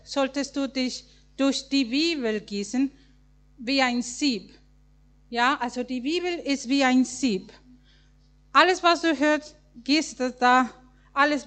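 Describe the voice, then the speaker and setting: Young woman preacher, high and unhurried, earnest sermon delivery with halting fillers. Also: fairly bright tone. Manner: earnest, halting with fillers and small grammar slips.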